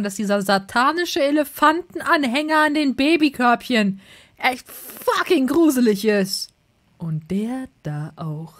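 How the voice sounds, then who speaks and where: A woman commenting on a game as she plays, chatty and excitable, breaking into exasperated shouts and swearing. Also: medium pitch. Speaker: Let's Play host.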